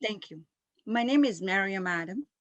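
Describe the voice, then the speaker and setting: A woman's voice: mid-range voice, animated, moderate pace, no room sound. A woman in her fifties who grew up in East Africa speaks as an interview guest with passion, driving each point home by repeating it. Her voice sits in a middle register. The recording is dry and close, with no room sound. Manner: emphatic and repetitive, speaks with passion. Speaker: guest entrepreneur. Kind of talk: interview, enthusiastic storytelling.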